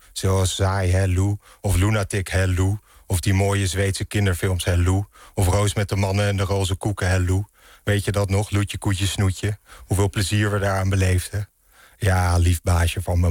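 A man's voice: fairly low pitch, a little mellow, dry recording, studio quality. A man performing a theatrical parody of a radio host's monologue, full of sugary nicknames and mock tenderness. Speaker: podcast maker guest.

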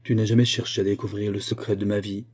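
A man's voice: on the low side, flat delivery, fast talker, darkish tone, breathy edge. A male audiobook reader voicing a weary aging father who speaks in a somber, brooding way.

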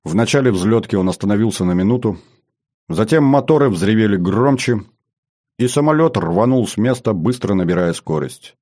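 A man reading a first-person adventure audiobook in an even, descriptive manner. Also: fairly low pitch, moderate pace. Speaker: audiobook narrator.

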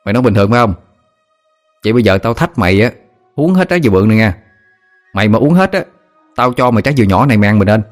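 A man with a Southern Vietnamese accent voices an older village boy who is teasing, brash and showing off, speaking quickly in a teasing mood. His voice is on the low side and expressive, lightly acted, with faint music behind.

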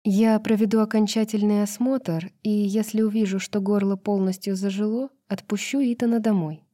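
A woman reading a calm, kind witch queen. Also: mid-range voice, normal speed, dry recording, clean studio sound, voice pushed up, close to an everyday voice. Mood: gentle. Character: gentle young queen and witch healer.

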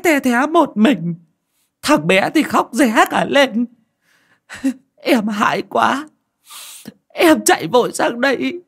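A man voicing a frantic village mother who sobs and wails in a shrill, stammering voice. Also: vocal fry, fairly bright tone, full character voice.

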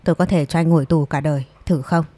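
A man's voice: fairly high pitch, steady tone, quick pace, dark tone, no echo, lightly acted. A woman voicing a cold, composed young man who speaks with icy firmness, in a storybook reading. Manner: icy, firm.

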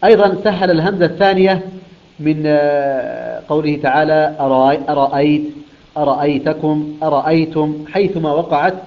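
A man teaching a recitation lesson, explaining rules and then chanting the example words slowly and melodically. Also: a little high, steady tone, highs cut off.

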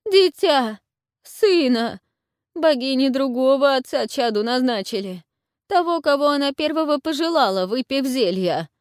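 A woman voicing a frightened, wheedling old witch with a shrill, wailing manner and folksy speech. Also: expressive, unhurried, no room sound, studio quality.

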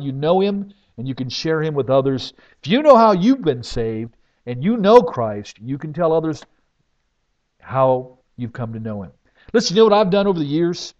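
A man preaching as a pastor, telling stories in an emphatic way with sudden swings between loud and soft. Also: on the high side. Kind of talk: sermon testimony. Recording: dull lo-fi recording.

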